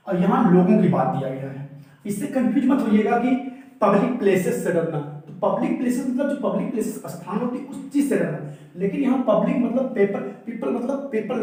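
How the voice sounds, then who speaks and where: A man's voice: high voice, warm tone. A man teaching a vocabulary lesson, explaining each word and then quizzing his viewers on it. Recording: echoey room, mic far off.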